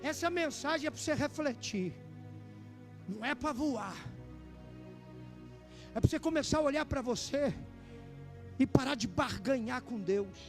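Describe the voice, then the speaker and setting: A man, preaching a sermon as pastor, with fervent delivery that climbs to shouting. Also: very high voice, animated, measured pace, long pauses, faint music behind.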